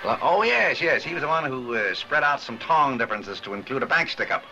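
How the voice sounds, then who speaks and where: A man playing a suave, unruffled gentleman detective, wry and urbane, in 1930s film style. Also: medium pitch, animated, fairly quick, lo-fi sound. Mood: wry, amused.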